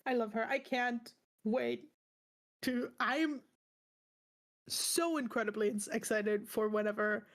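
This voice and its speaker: A young woman co-hosting a casual book podcast, her voice sitting a little high. She is bubbly and giggly, with plenty of fillers and restarts. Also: steady tone, slow pace. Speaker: podcast co-host. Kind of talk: casual chat.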